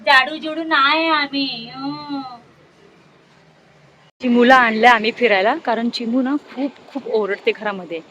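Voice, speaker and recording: A woman's voice: high voice, a little slow, sharp tone, highs cut off. A middle-aged woman vlogging casually outdoors on an open ground, chatty and doting as she coos at her pet cat. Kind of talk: casual vlog chat.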